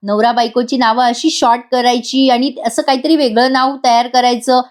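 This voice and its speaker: A woman's voice: a little high, fairly even intonation, moderate pace, lightly acted. A woman playing a coaxing young daughter-in-law. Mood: affectionate. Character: cheerful young daughter-in-law, affectionate and teasing.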